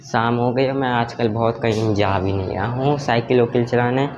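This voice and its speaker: A man's voice: medium pitch, fairly even intonation, moderate pace, darkish tone, dull audio. Young guy vlogging at home on his phone, chatty and teasing, bit of hiss in the background. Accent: Hindi. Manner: chatty, teasing, addresses viewers as guys. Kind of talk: casual vlog chat. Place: home, indoors. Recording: faint background noise.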